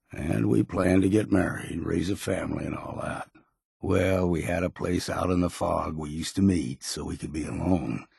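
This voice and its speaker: A grizzled old seafarer from a video game, with a heavily creaking, rasping, lowish voice. He is plain-spoken and curmudgeonly, worn down by years yet loyal underneath. The sound is dry and close, with no room around it. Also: darkish tone, dry recording, exaggerated voice. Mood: somber, bitter. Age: older. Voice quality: gravelly, raspy. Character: gruff, stubborn old seafarer, weary but loyal. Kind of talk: video game character dialogue.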